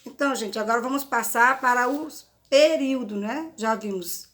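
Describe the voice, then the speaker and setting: A woman's voice: a little high, moderate pace, a bit bright. A woman teaching a grammar lesson, explaining through examples and checking in with frequent tag questions. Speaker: Portuguese teacher.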